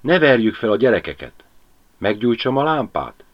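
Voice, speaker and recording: A man's voice: medium pitch, very animated, voice pushed up, close to an everyday voice. A man voicing an anxious, wistful young village woman in a lo-fi audiobook reading.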